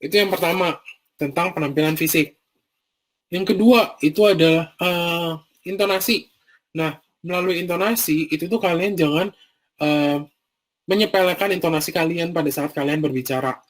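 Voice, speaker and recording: A young man with a Bandung Indonesian accent gives a casual training talk to a youth group. He explains things step by step, with many fillers. His voice sits a little high for a man. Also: moderate pace.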